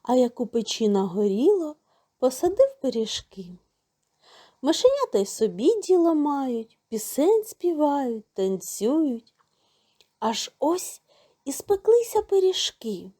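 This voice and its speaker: A woman narrating a folk tale for children in a slow, lilting storytelling manner. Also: high-pitched, dark tone.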